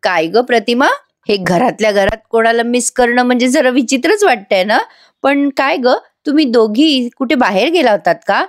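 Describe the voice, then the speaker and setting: A woman's voice: fairly high pitch, normal speed, no echo, natural voice. A woman voicing a middle-aged father who teases and questions in a dry, skeptical way. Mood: wry.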